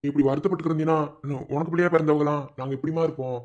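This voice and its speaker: A man's voice: fairly high pitch, steady tone, rapid-fire, a little mellow, lightly acted. A man voicing a middle-aged village man in a cartoon, earnestly reassuring his family, with a Madurai Tamil accent. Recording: dull lo-fi audio.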